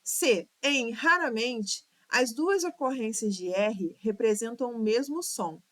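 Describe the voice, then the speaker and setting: Slow, dry-voiced Brazilian teacher woman. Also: on the high side, a bit bright, dry recording. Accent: Brazilian Portuguese. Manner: patient, counts syllables aloud, drawls words to sound them out. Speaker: Portuguese teacher for exam prep. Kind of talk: online lesson walking through exam questions.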